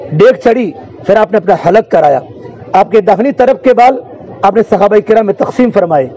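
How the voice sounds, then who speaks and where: A man delivering a sermon in a high, mellow voice, building his points through rhythmic repeated refrains and passages of recited verse. The sound is dull and lo-fi. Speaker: preacher.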